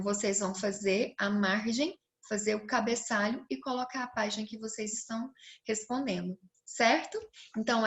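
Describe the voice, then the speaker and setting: A young Brazilian woman teaching a recorded lesson to children, stretching out words and asking the pupils questions. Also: on the high side. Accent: Brazilian Portuguese.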